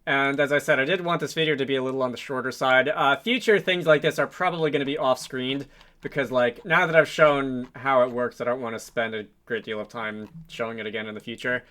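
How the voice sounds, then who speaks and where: Hosting a casual game development tutorial, a man speaks in a mid-range voice that is steady yet sharp and a little fast. He works unscripted on a screen recording, thinking aloud and musing to himself.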